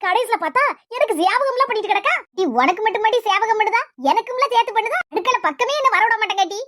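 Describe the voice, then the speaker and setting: A woman's voice: very high-pitched, fast talker, fairly bright tone, slight background noise. A woman voicing a sly, gossiping village mother in a comic skit, with a Kanyakumari Tamil accent and a chatty, mocking way of talking. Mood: gossipy.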